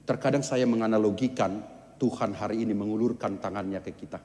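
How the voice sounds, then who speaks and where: A male pastor with a Batak Indonesian accent, preaching a sermon as an animated storyteller who asks rhetorical questions. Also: on the low side, a little fast, in a large hall. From North Sumatra, Indonesia.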